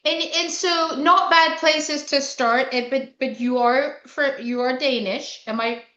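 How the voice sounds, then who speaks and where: Bubbly higher-voiced woman host, echoey. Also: a little slow, pushed and bright, muffled recording. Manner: bubbly, enthusiastic, chatty with fillers. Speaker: sommelier host. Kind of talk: casual interview chat.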